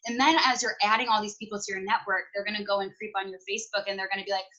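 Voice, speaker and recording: A woman's voice: mid-range voice, level tone, sharp tone, highs cut off. A woman on a video call giving chatty, upbeat tips to her team in a casual way. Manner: chatty, upbeat, talks fast with many "like"s and "you guys". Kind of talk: casual motivational team chat.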